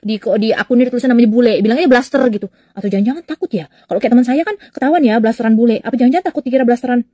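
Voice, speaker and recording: Fast, high-voiced teasing woman. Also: warm tone, no room sound, studio quality. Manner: teasing, mocking. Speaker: content creator commenting. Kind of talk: teasing commentary clip.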